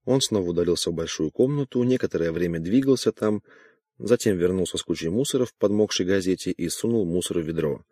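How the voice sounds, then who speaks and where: A man narrating an audiobook in an even, unhurried reading. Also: deep voice, breathy edge, no echo.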